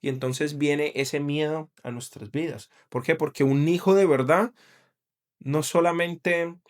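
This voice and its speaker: On a relaxed faith podcast, a middle-aged co-host talks a little slowly in a voice on the high side with fairly even intonation. He thinks aloud in an earnest way and keeps checking in with whoever is listening.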